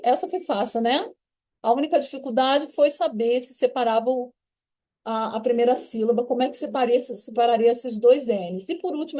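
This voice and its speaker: Brazilian woman teaching with a mellow voice. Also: a little high. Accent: Brazilian Portuguese. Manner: explanatory, checks in with "certo?" and "né?". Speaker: French teacher. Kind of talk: recorded online lesson.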